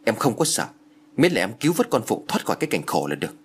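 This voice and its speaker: A man's voice: on the low side, huge pitch swings, fast talker, slightly rough, exaggerated voice. A man doing a blunt, hot-tempered aunt. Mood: impatient. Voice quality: blunt, impatient. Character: quick-witted, hot-tempered middle-aged aunt.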